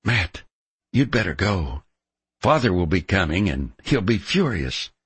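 A man voicing a spirited young ranch woman in an audiobook, guarded yet tender, with a lightened husky voice and an earnest, protesting manner. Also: low-pitched, sing-song, a little slow, fairly bright tone, no echo, voice pushed up, heavily acted. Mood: anxious, urging. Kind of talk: audiobook character dialogue.

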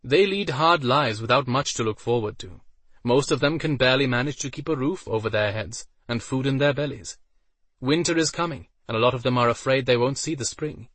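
A man's voice: medium pitch, fairly quick, a bit bright, no echo, natural voice. A man doing a cynical young nobleman.

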